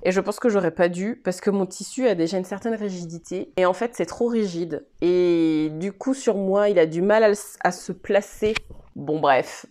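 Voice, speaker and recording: A woman's voice: fairly low pitch, moderate pace, mellow. Woman vlogging her sewing, fed up but laughing at herself, casual chat at home. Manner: exasperated, self-mocking, laughs at her own mistakes.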